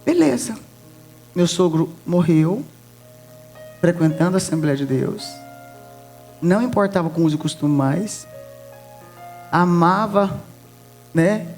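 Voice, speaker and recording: A Brazilian woman preaching a testimony in church, telling stories in a lively way and acting out the voices of others. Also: lowish voice, takes it slowly, long pauses, soft background music. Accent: Brazilian Portuguese. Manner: lively storytelling with laughs, acts out voices. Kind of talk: sermon testimony.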